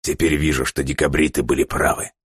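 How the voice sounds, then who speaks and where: A man reading an audiobook voices a defiant captive father who speaks with quiet, measured contempt. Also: rumbling low, flat delivery, slightly rough, no echo, clean studio sound, heavily acted. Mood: scornful.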